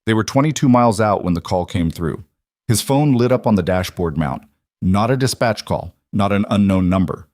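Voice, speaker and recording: A man reading a scripted story in a calm, measured, soft-spoken way. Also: lowish voice, dry recording, studio quality.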